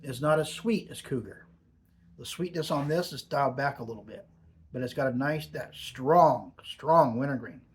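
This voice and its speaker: A man of medium pitch chats through a casual product review. His lip is packed with dip as he talks. He speaks in an emphatic, savouring way, drawing out words for weight. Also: moderate pace, slight background noise. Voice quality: talking with a lip full of dip pouches.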